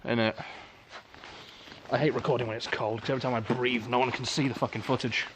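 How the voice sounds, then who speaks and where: A young man narrates casually into a phone camera outdoors in the cold. He swears often and jokes drily in a mid-pitched voice. A faint hiss of outdoor noise sits behind him. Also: little pitch movement, quick pace. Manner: sweary, dry and joking. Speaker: urban explorer filming. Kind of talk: casual vlog chat. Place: outdoors at a cold abandoned building.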